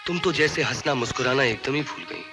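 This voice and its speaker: An actor playing a gentle, devoted young man who coaxes and teases softly in a film scene. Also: medium pitch, lively intonation, fairly quick, loud music behind the voice, lightly acted. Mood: tender. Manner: coaxing, teasing, soft-spoken. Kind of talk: 1980s film dialogue. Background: film score.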